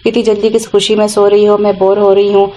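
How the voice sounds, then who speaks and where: A woman's voice: medium pitch, completely flat delivery, warm tone, natural voice, poor audio. A woman voicing a sweet, emotional young wife in an audio novel, speaking in a playful, pleading way.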